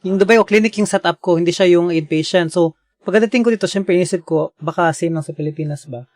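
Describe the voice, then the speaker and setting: Young man from the philippines, podcast host, chatty, higher voice, dry close mic. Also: fast, a little mellow, no room sound. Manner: chatty, acts out quoted voices. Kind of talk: casual chat.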